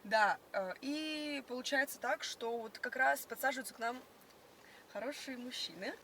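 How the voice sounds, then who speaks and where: A young woman with a bright, crisp-edged voice chats casually. She tells her stories in slang, packed with filler words. The recording is made in a car, with light background noise. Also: sits high, normal speed. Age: young adult. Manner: slangy, filler-heavy storytelling. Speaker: passenger being interviewed. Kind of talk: casual chat, storytelling. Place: inside a car.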